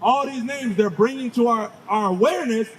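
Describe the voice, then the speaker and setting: Brief: fairly high-voiced male street preacher, emphatic and questioning, outdoors with loud traffic noise behind. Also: normal speed, poor audio. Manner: questioning, emphatic, calls out 'come on'.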